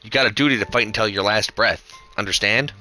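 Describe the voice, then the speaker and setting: A man's voice: fairly low pitch, a little fast, pushed and bright, faint music behind. A man voicing a fierce, tough old grandmother who speaks bluntly in coarse rural speech. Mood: stern.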